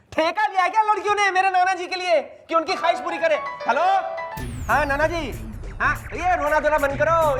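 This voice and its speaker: A man playing a police boss in a TV sitcom, talking in an overblown, wailing, melodramatic way. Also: very high-pitched. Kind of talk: TV sitcom acting.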